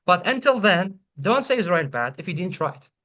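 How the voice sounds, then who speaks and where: High-voiced man with an Iraqi accent. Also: big pitch swings, pushed and bright. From Iraq. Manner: earnest, persuasive, halting with restarts. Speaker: panelist. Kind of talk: panel discussion.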